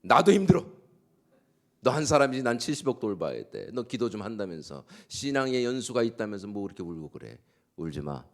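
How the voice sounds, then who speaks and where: A man's voice: rumbling low, little pitch movement, brisk, pauses often. A man voicing an irritated, impatient male God who snaps and scolds, acted out in a sermon. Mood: scolding. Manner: loud, snapping, impatient scolding.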